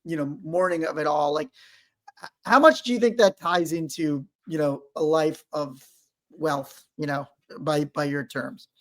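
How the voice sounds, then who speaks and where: A man's voice: a little high, measured pace. A man co-hosting a podcast, chatting casually in a playful, teasing way. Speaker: podcast co-host. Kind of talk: casual conversation.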